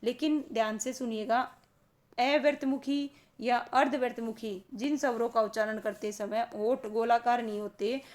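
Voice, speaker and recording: A woman's voice: fairly high pitch, steady tone, a little mellow. Woman teaching and quizzing her class. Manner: keeps asking the class questions and answering them herself; slows down to stress key terms. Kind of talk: grammar lesson for exam students.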